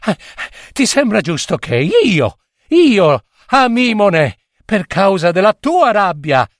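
A frightened young maiden, put on by a male storyteller, stammers breathlessly as she begs a sea god for help. The voice rises high and swings wildly in pitch, cheeky even in her panic. It is a dry, close recording of a told myth. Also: slow, no room sound, exaggerated voice. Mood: pleading frantic.

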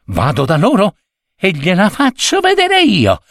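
A man's voice: wildly swooping pitch, a little slow, a bit bright, dry recording, studio quality, heavily acted. Man doing a stammering, panicky print-shop boy. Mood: eager. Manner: stammering, breathless, high and frantic. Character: flustered young male print-shop boy.

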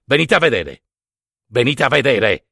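A man's voice: medium pitch, big pitch swings, normal speed, gravelly, slightly rough, dry recording, clean studio sound, full character voice. A man doing an indignant old peasant father. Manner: trembling with restrained fury, bursts into shouts.

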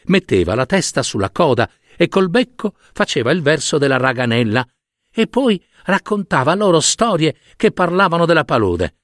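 A man reading a fairy tale aloud, expressive and playful with sound words. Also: fairly high pitch, moderate pace, dry recording, studio quality. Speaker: storyteller.

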